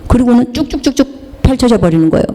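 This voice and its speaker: A woman missionary preaching, telling a healing story with animated storytelling and acted-out dialogue in a church hall. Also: on the high side, fast talker. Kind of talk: sermon testimony. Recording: long hall reverb.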